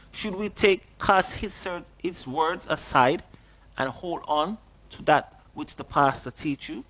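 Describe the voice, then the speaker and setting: A middle-aged man preaching a sermon and reading scripture at a desk, earnest and questioning, lifting his pitch on stressed words. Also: a bit bright. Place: small indoor studio at a desk.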